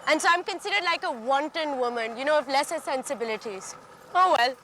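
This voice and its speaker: A woman's voice: high voice, lively intonation, a little fast, sharp tone, a little hiss or hum, poor audio. A young woman giving casual travel commentary outdoors as she goes along. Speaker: traveller and presenter. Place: outdoors, riding an elephant.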